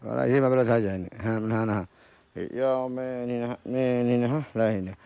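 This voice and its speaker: A man's voice: medium pitch, fairly even intonation, fairly quick, gravelly, dark tone, smooth, no room sound. A Yemeni man being interviewed at an outdoor market, giving short, repetitive answers. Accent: Yemeni Arabic. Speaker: guest.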